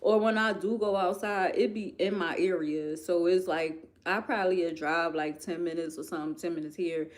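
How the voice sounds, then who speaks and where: A woman with a Philadelphia accent chatting casually to her viewers, animated and emphatic, repeating lines for effect. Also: on the low side, moderate pace, hardly any pauses. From United States. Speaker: vlogger. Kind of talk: casual chat to camera.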